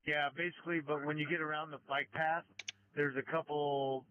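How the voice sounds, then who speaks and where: A man working as a fire commander, giving businesslike, halting instructions to units over a two-way radio. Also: on the high side, level tone, noisy background. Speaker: firefighter commanding at a fire scene. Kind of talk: firefighter radio traffic, directing units. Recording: muffled lo-fi radio transmission.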